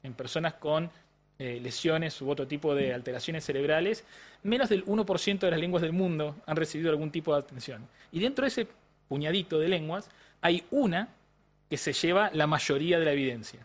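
A man's voice: a little high, a little fast. A man with a Rioplatense Spanish accent, explaining science in a didactic interview style with frequent tag questions. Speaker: neuroscientist guest.

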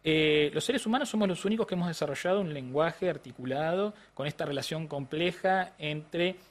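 A man's voice: on the high side, fairly quick. A man with an Argentine accent answering interview questions as a language researcher, explaining in a didactic way and often checking in with the listener. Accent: Argentine Spanish. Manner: frequent restarts and hesitations. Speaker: language neuroscientist guest.

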